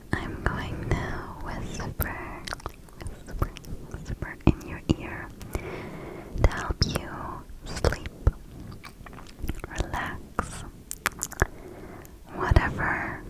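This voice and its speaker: A woman whispering casual ASMR chit-chat very close to the mic, in a sleepy manner, sometimes repeating words for tingles. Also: low-quality recording. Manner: slow, sleepy delivery. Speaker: host of an ASMR channel. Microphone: close mic, right by the mouth.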